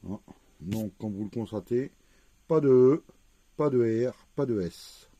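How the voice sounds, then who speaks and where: Slow, dark-voiced man spelling letters. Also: medium pitch, dry recording, lo-fi sound. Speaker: scratch-card vlogger. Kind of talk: casual commentary while scratching tickets.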